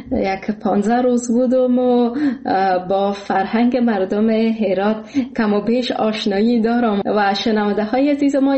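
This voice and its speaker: A woman's voice: a little high, mellow, echoey room, dull audio. A woman with an Afghan Dari accent hosting a radio interview, polite and respectful, with some hesitations. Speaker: radio host.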